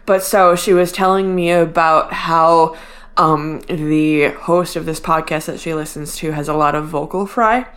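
A woman's voice: deep voice, steady tone, a little slow. A woman co-hosting a podcast, chatting casually as she recaps television. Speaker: podcast co-host.

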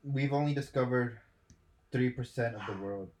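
A man's voice: mid-range voice, normal speed, darkish tone. A male student bantering casually with friends, contrary and matter-of-fact.

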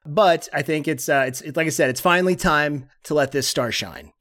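A man's voice: a little high, moderate pace, a bit bright. A man chatting casually and breezily as a podcast guest, often doubling short phrases. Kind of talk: casual chat.

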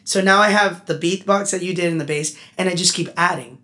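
A man, a musician guest on a casual podcast interview, talking in an animated, chatty way that turns heartfelt. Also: high-pitched, a little fast. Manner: animated, talkative, gets emotional.

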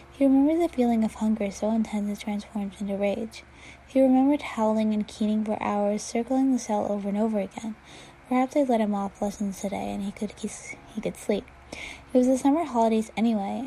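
Woman reading fan fiction aloud, mellow tone. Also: mid-range voice, slight background noise, rough recording. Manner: steady reading with occasional slips and restarts. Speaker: reader.

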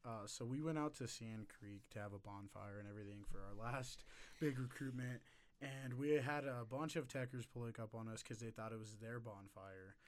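A young man hosting a casual podcast in a frat bro manner. He rambles along loosely with slang and the odd swear, in a mid-pitched voice. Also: normal speed. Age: young adult. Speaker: podcast host. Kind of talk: casual chat.

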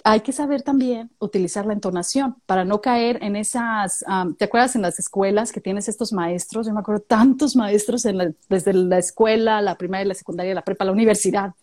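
A woman chatting casually about speaking skills, lively and acting out little voices as examples. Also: medium pitch, a little fast, hardly any pauses. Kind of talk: casual chat giving speaking tips.

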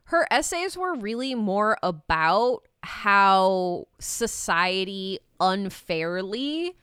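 Sarcastic young woman with a smooth, dry voice. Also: medium pitch, big pitch swings, a bit bright, no echo. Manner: sarcastic, swears freely, mimics historical figures in quick asides. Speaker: podcast co-host presenting the episode's research. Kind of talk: casual comedic history chat. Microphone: video call.

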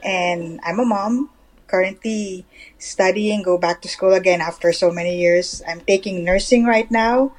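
Female guest, forties, Filipino accent, medium pitch, casual Tagalog-English conversational delivery. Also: unhurried, poor audio. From Philippines. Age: 40s. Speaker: interview guest.

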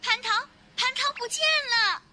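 A woman's voice: very high voice, animated, normal speed, sharp tone, slight background noise, pitched above the performer's own voice, exaggerated voice. A woman voicing two anxious young palace maids in a storybook, speaking in squealing, breathless, worried voices. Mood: alarmed.

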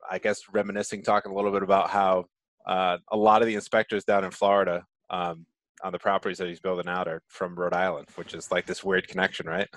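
A man's voice: deep voice, flat delivery, quick pace, a bit bright, no room sound. A man hosting a podcast in a casual, informal and enthusiastic way. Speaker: podcast host.

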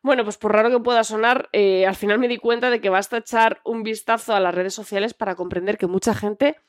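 A woman's voice: medium pitch, fairly even intonation, fairly quick, dry recording, clean studio sound. A woman, hosting a book recommendation podcast in a chatty, reflective way with frequent filler words. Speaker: podcast host.

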